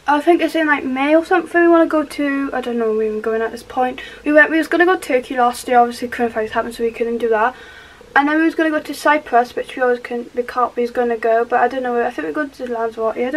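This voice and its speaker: Welsh teen girl vlogger, high bright voice, loose upbeat bedroom chatter. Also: poor audio. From Wales. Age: teens. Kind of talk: casual get-ready-with-me chat. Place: small bedroom indoors.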